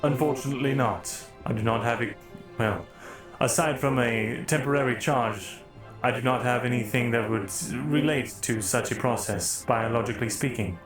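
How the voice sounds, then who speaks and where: A man voicing a calm, overly smooth android soldier, speaking in formal, even, unemotional machine phrasing. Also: medium pitch, moderate pace, close to an everyday voice. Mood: smooth, flat. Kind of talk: voicing a character in a tabletop roleplay. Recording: echoey room with faint music.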